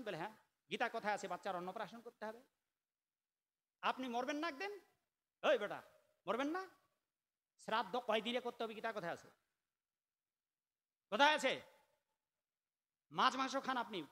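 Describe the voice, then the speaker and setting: A man with a high, sharp-toned voice delivers a sermon full of scolding and argument, shifting from quiet asides to sudden loud outbursts. A long hall echo makes his voice ring out.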